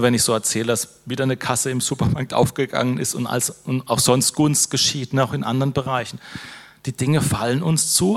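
A man's voice: medium pitch, vocal fry. A man preaching an informal sermon, conversational, with many fillers and tag questions. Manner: closes with a prayer.

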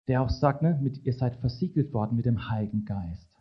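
Male preacher, mid-pitched, conversational sermon delivery with frequent tag questions; slightly muffled lo-fi recording. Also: fairly quick.

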